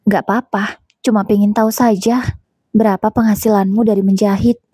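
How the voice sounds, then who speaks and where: A woman's voice: medium pitch, flat delivery, normal speed, mellow, breathy edge, dry recording, lightly acted. Woman narrator doing a mild pleading husband, dry close sound, near her own voice. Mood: probing. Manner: apologetic, coaxing. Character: adult husband, meek and pleading.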